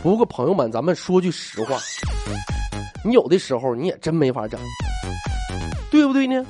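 A man's voice: a little high, sing-song, normal speed, over music. A man, a radio host telling a comic story in a chatty, teasing way.

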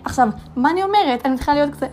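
A woman's voice: high voice, animated, a little mellow. A young woman hosting a casual solo podcast, chatty and full of fillers, piling up dramatic rhetorical questions. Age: young adult. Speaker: podcast host.

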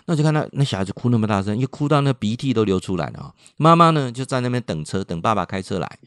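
Older Taiwanese radio host, animated storytelling, dry studio sound. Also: male voice, fairly low pitch, fast, no echo. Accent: Taiwanese Mandarin with Hokkien words. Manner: lively storytelling, repeats words, mimics voices.

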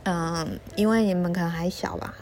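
A woman telling a fable to children and explaining its lesson gently, with pauses. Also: lowish voice, steady tone, a little hiss or hum. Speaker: storyteller for children. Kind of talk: storytelling to children.

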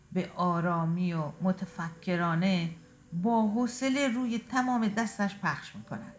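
A woman reading a short first-person story aloud in a quiet, reflective, tender way. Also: mid-range voice.

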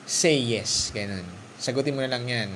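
A man's voice: mid-range voice, moderate pace, fairly bright tone, slight background noise. A man giving a casual motivational talk alone in his room, switching freely between Tagalog and English and addressing the listener directly. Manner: chatty, mixes Tagalog and English, talks straight to the listener. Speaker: vlogger.

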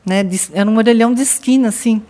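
A woman from Brazil, a podcast guest, telling a family story in a lively way and acting out her relatives' lines. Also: a little high, quick pace. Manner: lively, acts out family members' quoted lines. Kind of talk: casual storytelling in conversation.

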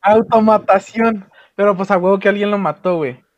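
High-voiced young Mexican man, slangy street talk. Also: steady tone, racing, lo-fi sound, a loud crowd. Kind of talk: casual chat.

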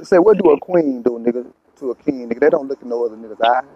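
A man's voice: mid-range voice, fast, highs cut off, crowd noise. A man chatting casually in blunt, profane street slang, often repeating himself to press his point. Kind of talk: casual conversation.

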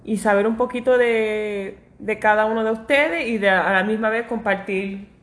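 A woman co-hosts a podcast in relaxed, chatty talk at a middle pitch, telling her story with animation and laughter. She switches into English words here and there. Her voice carries a roomy echo. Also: normal speed. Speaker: podcast co-host. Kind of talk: casual chat.

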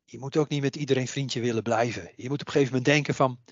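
A man in an earnest podcast conversation, making his point by repeating phrases. His voice sits at an ordinary pitch, recorded dry and close with little room sound. The audio is dull and muffled, lacking top end. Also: fairly even intonation, very fast, no echo. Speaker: psychic medium, podcast guest.

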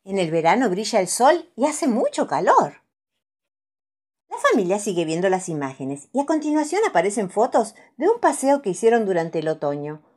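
A woman's voice: mid-range voice, big pitch swings, normal speed. Sing-song woman reading children's stories. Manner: soft, playful, sing-song delivery. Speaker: storyteller.

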